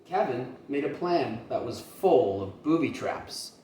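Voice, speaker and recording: A man reading a children's story aloud in an expressive teacher's style. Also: mid-range voice, measured pace. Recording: roomy, distant mic, faint noise.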